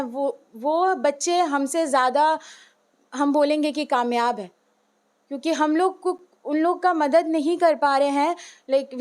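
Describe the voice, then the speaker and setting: Her voice sits high with a darkish tone as this schoolteacher answers an interviewer earnestly and from the heart. She moves back and forth between Hindi and English, with many "uh" fillers.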